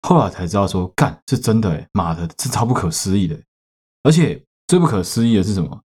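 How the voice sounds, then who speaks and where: A man with a Taiwanese Mandarin accent tells a story in a low, deep voice. He talks casually as a podcast host, cursing freely and breaking into loud outbursts. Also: lively intonation, fast, slightly rough. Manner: profane, with sudden loud outbursts.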